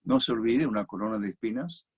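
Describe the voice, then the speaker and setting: Chilean male preacher, husky voice, reflective expository sermon, repeats phrases for weight. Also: on the low side, animated, quick pace, darkish tone. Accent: Chilean Spanish.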